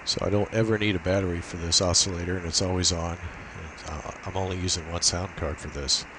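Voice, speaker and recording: Working things out aloud, a man with a deep voice stumbles his way casually through a screen walkthrough of his radio gear; he's a ham operator showing off his setup. A clear, unchanging hiss comes from the inexpensive microphone built into his laptop.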